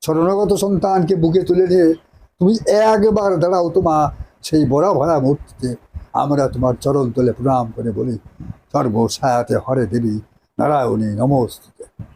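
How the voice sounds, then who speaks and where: A man playing an anguished, patriotic nawab hero in a hammy, declamatory folk-theatre style with drawn-out words. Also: a little high, warm tone, slightly rough, low-quality recording. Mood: pleading, reverent. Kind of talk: 1980s Bengali jatra folk-theatre monologue.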